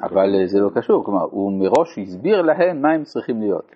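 Husky-voiced rabbi teaching a text. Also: male voice, fairly low pitch, sing-song. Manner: reads a passage aloud, then explains it phrase by phrase. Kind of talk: Torah lesson to a live group. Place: community study hall. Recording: dull lo-fi recording.

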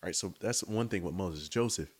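A man with a notably low, deep voice gives an eager, easygoing faith talk. He speaks outdoors in a chatty tone and keeps checking in with his listeners. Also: a little fast, slightly rough. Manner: enthusiastic, conversational, often says "right?" and "y'all". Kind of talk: casual devotional talk.

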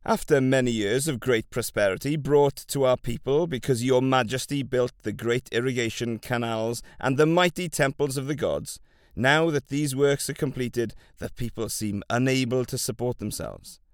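Dude doing a nervous polite chancellor, courtly, a bit higher, dry. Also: male voice, normal speed, smooth, dry recording, natural voice. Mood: worried. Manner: courtly, explanatory. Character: deferential male royal chancellor, worried.

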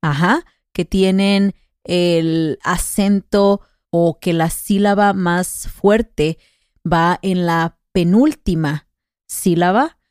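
A woman's voice: on the low side, steady tone, drawn-out words, a little mellow, smooth, no echo, clean studio sound. A woman co-hosting a conversational Spanish lesson podcast, patiently explaining grammar rules with examples.

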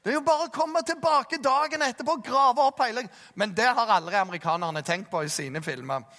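A man with a Jæren accent preaching a sermon, animated, telling stories and acting out voices. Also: extremely high pitch. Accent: Jæren Norwegian. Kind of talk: sermon with storytelling. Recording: long reverb of a large hall.

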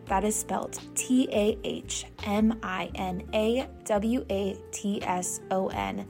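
A woman reading a scripted announcement in a measured, even way. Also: mid-range voice. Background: soft music.

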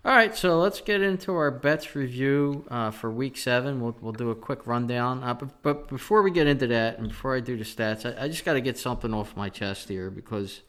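Animated man venting about a lost bet. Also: mid-range voice, brisk, few pauses. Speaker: podcast host. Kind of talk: casual sports betting chat.

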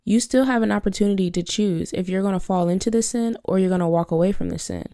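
A fast-talking young woman hosts a faith-based podcast despite a cold that leaves her congested. Her tone is dark and her pitch medium, and she teaches earnestly and preachily, repeating key phrases. The recording is dry and studio quality.

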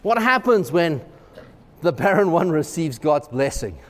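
A man preaching a sermon as pastor, emphatic and excitable, driving home repeated refrains. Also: a little high, unhurried. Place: church sanctuary. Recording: long hall reverb.

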